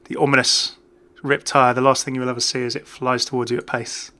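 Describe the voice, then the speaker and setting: A gaming YouTuber offers casual, unscripted video game commentary, chatty and jokey as he rambles along. His bright, forceful voice sits at a middle pitch, moves fairly quickly, and shows little pitch movement.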